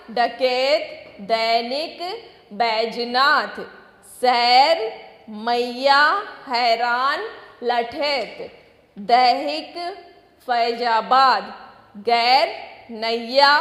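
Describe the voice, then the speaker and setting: A woman teacher with a high voice gives a class lesson, sounding out syllables one by one and putting questions to the children that she answers herself. The sound is echoey, with a long reverb trailing after her words. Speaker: primary school teacher. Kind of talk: slow recorded class lesson.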